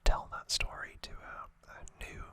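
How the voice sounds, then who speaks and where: Whispering with plenty of breath, the ASMR host eases through a recap, gentle and leisurely, dropping in offhand conversational asides.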